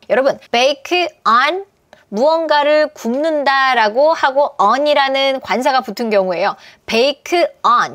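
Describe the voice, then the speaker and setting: Lively woman teaching English sounds. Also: sits high, dry recording. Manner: lively, emphatic, models English words slowly. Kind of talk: lecture.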